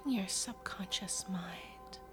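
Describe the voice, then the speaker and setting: Woman, whispered role-play, ASMR hypnosis, right in your ear, extremely slow, seductive and soothing, prominent singing bowl music behind. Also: medium pitch. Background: music with singing bowl tones.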